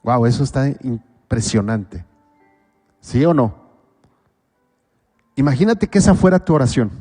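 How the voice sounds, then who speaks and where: A man with a Mexican accent preaching a sermon as pastor, asking rhetorical questions and swinging between loud pleas and quiet low asides. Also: lively intonation, a little slow, slightly rough, long reverb tail, soft background music.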